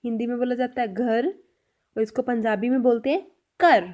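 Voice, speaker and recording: A woman teaching a spoken language lesson, saying each example sentence slowly and repeating it. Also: a little high, fairly even intonation, warm tone.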